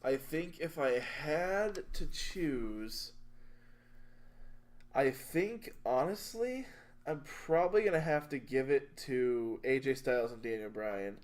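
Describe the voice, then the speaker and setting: A man's voice: medium pitch, lively intonation, slow. A man co-hosting a wrestling podcast, recapping matches play by play in an eager, casual chat.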